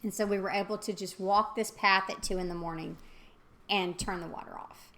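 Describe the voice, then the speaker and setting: A woman's voice: medium pitch, a little fast, a little hiss or hum. A middle-aged woman, chatting casually and telling stories animatedly, with plenty of fillers. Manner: animated storytelling with many fillers. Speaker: host. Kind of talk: casual chat.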